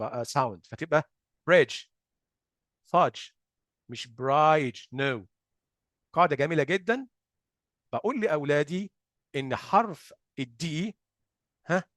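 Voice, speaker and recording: An Egyptian-accented man gives a phonics lesson in a slightly raised voice, asking questions and answering them himself. He stretches example sounds out slowly to demonstrate them. The recording is dry and close, with no room sound. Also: on the high side, fairly bright tone, dry recording. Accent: Egyptian Arabic. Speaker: phonics teacher. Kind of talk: explanatory lesson.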